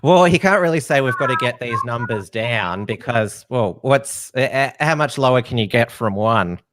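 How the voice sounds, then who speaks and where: Man hosting a live stream, halting. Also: mid-range voice, animated, fairly bright tone, no echo. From Australia. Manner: hesitant, many uh fillers. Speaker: host. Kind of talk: live-stream political commentary.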